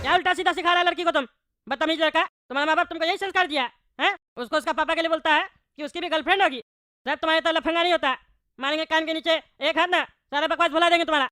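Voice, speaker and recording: A woman's voice: sits high, bright, forceful tone, dry recording, studio quality. A woman voicing a bald, short-tempered male politician in a cartoon, always scolding. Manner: scolding, indignant. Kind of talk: cartoon voice acting.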